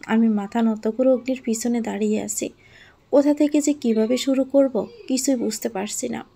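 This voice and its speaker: A woman reads an emotional first-person love story aloud. Her delivery is soft, heartfelt and earnest, in a mellow, slightly high voice with a gravelly edge. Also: fairly even intonation, normal speed.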